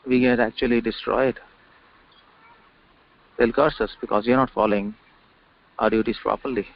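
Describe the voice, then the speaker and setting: A man delivers a casual scripture lecture by conference call, his mid-range voice fairly even in intonation and moderately paced. He repeats words and asks rhetorical questions, and the call audio sounds dull and dry.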